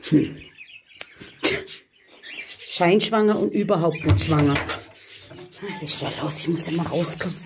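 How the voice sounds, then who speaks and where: A woman's voice: lowish voice, unhurried, long pauses, heavy background noise. A woman from Germany vlogging outdoors in a hot village yard, chatting to viewers and coaxing her animals with pet names. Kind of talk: casual vlog talking to viewers and animals.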